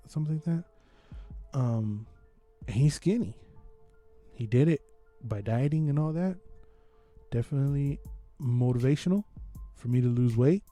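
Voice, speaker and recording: A man's voice: mid-range voice, warm tone. A man hosting a podcast, chatting casually in slangy, informal language as he gives his reviews. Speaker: podcast host. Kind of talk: casual chat, reviewing games and comedy specials.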